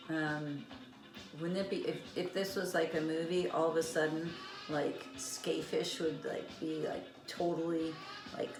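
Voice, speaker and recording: A woman vlogging about knitting in casual, rambling chat with many fillers. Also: sits low. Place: room with vinyl playing. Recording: echoey room, music behind. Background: eighties vinyl record playing.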